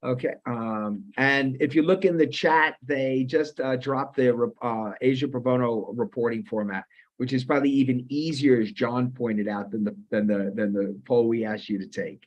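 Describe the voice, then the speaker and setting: A man's voice: medium pitch, steady tone, moderate pace. A man in his fifties moderating an online webinar, talking casually with many restarts and quizzing his audience. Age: 50s. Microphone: video call. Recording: muffled lo-fi video call audio.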